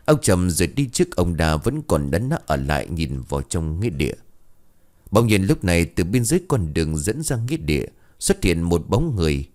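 A man narrating a ghost story in a lively, dramatic way. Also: low voice, fairly quick.

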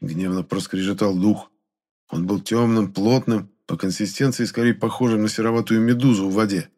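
Guy reading an audiobook, lowish voice, steady first person telling. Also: moderate pace. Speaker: audiobook narrator.

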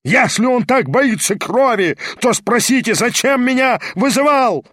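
A man's voice: a little high, normal speed, dry recording, clean studio sound, close to an everyday voice. A man voicing an enraged nobleman at a duel, screaming and frantic. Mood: raging. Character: enraged male nobleman dueling, shrieking.

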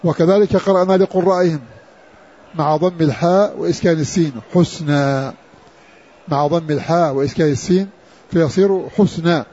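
A man teaching a slow, scholarly lesson on Quran orthography. He speaks in a measured way and repeats key words for emphasis. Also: on the high side, fairly even intonation, mellow. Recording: dull lo-fi recording.

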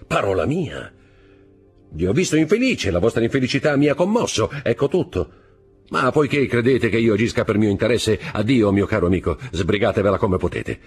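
A man's voice: fairly low pitch, fairly quick, few pauses, slightly rough, soft background music, pitched above the performer's own voice. A man doing a sly scheming accountant. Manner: insinuating, feigned innocence. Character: scheming, sly male accountant plotting betrayal.

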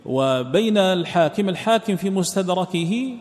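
A man teaching a text line by line, repeating phrases and trailing off into a low murmur at the ends of sentences. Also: lively intonation, moderate pace, darkish tone. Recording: long hall reverb.

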